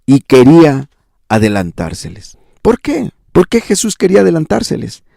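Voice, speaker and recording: A man preaching a fervent sermon as a pastor, repeating phrases and rising sharply in pitch for emphasis. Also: wildly swooping pitch, moderate pace, creaky, dark tone, dry recording, studio quality. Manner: fervent preaching with repetition and sudden pitch rises. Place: church.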